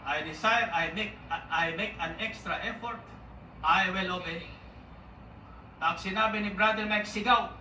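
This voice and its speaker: A man preaching an animated sermon, telling stories and calling for answers from the congregation. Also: high-pitched, unhurried, pauses often, very noisy. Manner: animated storytelling, calls for audience response. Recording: echoey hall, distant mic, faint ambience.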